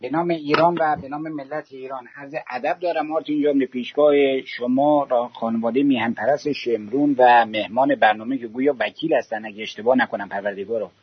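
A caller from Iran rings a talk show and rants with fiery sarcasm as if giving a speech, his mid-range voice holding a steady tone with few pauses. The call-in audio sounds dull and dry.

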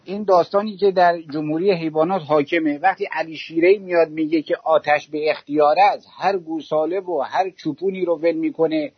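A man's voice: a little high, steady tone, few pauses, slightly rough, no echo. A man from Iran calling in to a talk show and ranting with fiery sarcasm, like he is making a speech. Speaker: caller. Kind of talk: impassioned call-in rant. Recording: dull dry call-in audio.

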